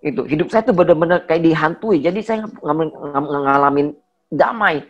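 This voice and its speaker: A man's voice: on the high side, animated, moderate pace, muffled recording. A man around forty, a pastor, giving an earnest personal testimony in conversation, speaking emphatically with a slight stammer. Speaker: pastor, guest.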